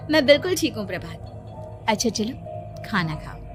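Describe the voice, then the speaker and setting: A woman voices a sweetly insistent, unsettling wife in a horror cartoon story, with a deliberate, uncanny, heavily acted manner. Her voice sits high with huge pitch swings, and faint music plays behind her.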